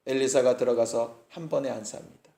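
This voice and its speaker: A man's voice: medium pitch, a little fast, gravelly, dark tone, roomy sound. A male pastor preaching a sermon, retelling a story with acted-out quotes and rhetorical questions. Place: church sanctuary.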